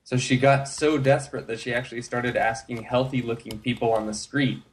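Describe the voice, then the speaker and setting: Relaxed man telling his story. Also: medium pitch, brisk. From United States. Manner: relaxed storytelling with frequent fillers. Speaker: guest. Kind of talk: casual interview chat.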